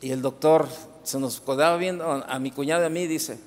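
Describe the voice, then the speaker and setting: A man's voice: fairly high pitch, steady tone, fairly quick, darkish tone. A middle-aged man with a Mexican accent preaching a sermon, telling a story with many restarts and asides to the congregation. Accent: Mexican Spanish. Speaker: pastor. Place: church hall. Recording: reverberant church hall.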